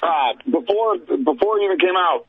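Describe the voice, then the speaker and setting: A man's voice: sits high, animated, normal speed, slightly rough, dry recording. A man from Ohio calling into a radio show on a crackly speakerphone line that fades in and out, rambling and hesitant with many ums. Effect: crackly speakerphone line fading in and out. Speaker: caller. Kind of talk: call-in radio chat. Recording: tinny, dry phone line.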